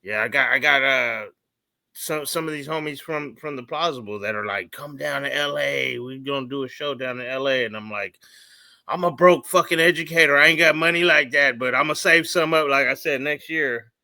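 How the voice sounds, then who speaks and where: A man's voice: medium pitch, normal speed, pushed and bright, no echo. A man from Hawaii who is a comedian and educator, chatting in an easygoing, slangy way. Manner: easygoing, laughs often, slangy. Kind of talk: casual chat.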